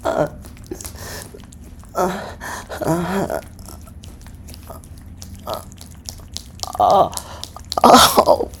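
Breathy, slow-talking man, moaning and pleading. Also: a little high, very animated, slight background noise. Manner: moaning, shy, pleading, often whispered. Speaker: adult audio performer. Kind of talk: intimate adult audio role-play.

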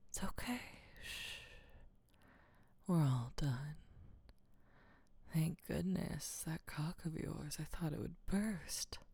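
A doting, soothing caretaker, played by a woman, speaking in a soft hushing whisper that stays low and unhurried. The voice has a husky, gravelly grain and a warm, mellow tone, with a dry, close sound. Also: dry recording, full character voice. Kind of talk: intimate audio roleplay.

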